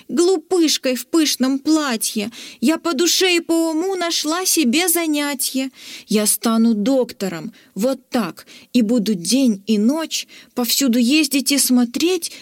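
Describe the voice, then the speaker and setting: Woman as a small, kind storybook princess, high girlish voice, dry close sound. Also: a little mellow, dry recording. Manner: caring, then firm and scolding. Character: kind little girl princess who wants to be a doctor.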